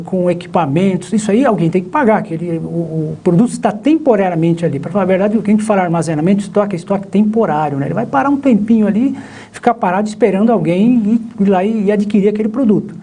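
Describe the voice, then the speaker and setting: Speaking fast in a high, warm, slightly rough voice, a Brazilian Portuguese-accented professor chats through logistics during a live online lecture. He rambles and keeps starting his sentences over.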